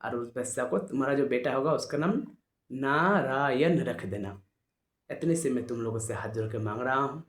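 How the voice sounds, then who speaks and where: A patient old guru teaches his hosts calmly and politely, played by a male storyteller. His words echo in a roomy space. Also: mid-range voice, normal speed, close to an everyday voice. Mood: pleading. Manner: calm, instructive.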